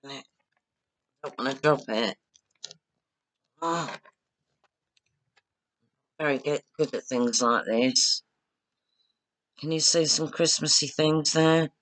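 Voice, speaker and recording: A woman's voice: sits low, slow pace, pauses often, fairly bright tone. A woman chatting to her viewers at home, rambling and self-deprecating as she moves around the room with her phone camera. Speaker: vlogger. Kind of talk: casual chat to camera. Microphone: phone or laptop camera, not a proper webcam.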